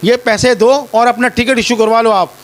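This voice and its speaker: A man's voice: very high voice, steady tone, normal speed. A man from Pakistan telling his ordeal to a reporter, distressed and pleading, often repeating himself. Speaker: complainant telling his story. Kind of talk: personal account to a reporter.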